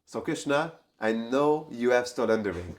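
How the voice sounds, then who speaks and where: A man's voice: mid-range voice, lively intonation, moderate pace, slight background noise, natural voice. A man telling a story and voicing a bold, insistent young female confidante. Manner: firm, insistent. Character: Vishakha, bold female confidante, sure and scolding.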